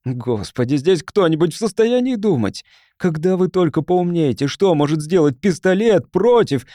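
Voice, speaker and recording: Defiant accused man, voiced by a male narrator: forceful, indignant, pitched up, lively. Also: moderate pace, dry recording, studio quality, close to an everyday voice. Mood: angry, defiant. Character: angry, defiant man facing a mob.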